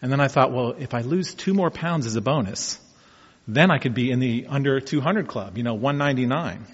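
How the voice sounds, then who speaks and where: This amateur marathoner in his fifties shares his story of getting into running in a casual, reflective, folksy vlog. His medium-pitched voice is expressive, brisk and slightly rough, recorded in a dull, echoey room.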